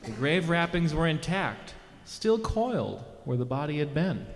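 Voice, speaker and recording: A man's voice: fairly high pitch, sing-song, unhurried. A man co-reading a dramatized scripture passage, restating each line in his own words. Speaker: co-reader. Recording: long hall reverb.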